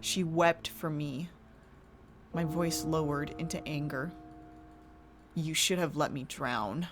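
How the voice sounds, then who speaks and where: Woman as low, haunting gothic brother narrator, music behind. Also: flat delivery, slow. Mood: hushed dread. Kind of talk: dramatic first-person horror story narration.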